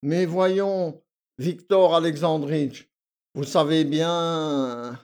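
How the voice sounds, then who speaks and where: Timid heartbroken peasant girl, read by a man, soft and pleading, slowish storybook voice. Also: fairly high pitch, steady tone. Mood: sad, pleading. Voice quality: soft, faltering.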